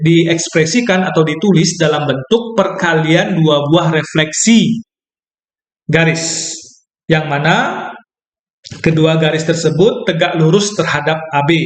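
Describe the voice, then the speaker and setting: Male math lecturer, slightly high voice, self-correcting, talks through a proof in a roomy space. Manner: thinks aloud, self-corrects, asks "ya kan?". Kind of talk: explaining a geometry proof.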